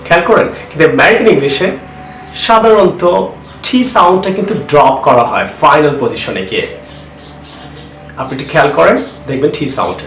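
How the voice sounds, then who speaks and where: A man's voice: on the high side, expressive, brisk, fairly bright tone, faint music behind. A man, a Bengali speaker, teaching English pronunciation and repeating each example word twice. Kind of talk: online language lesson. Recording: echoey room, faint background hiss.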